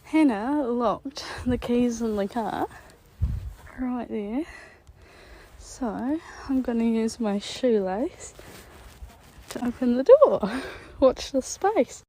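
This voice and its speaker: A woman's voice: on the high side, animated, takes it slowly, pauses often, mellow. A woman narrating what she is doing step by step in a vlog.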